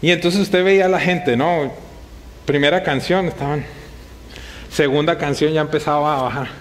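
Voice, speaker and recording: A man's voice: a little high, normal speed, a little hiss or hum. A male pastor preaching a sermon to his congregation, talking in a conversational way and throwing rhetorical questions at the room.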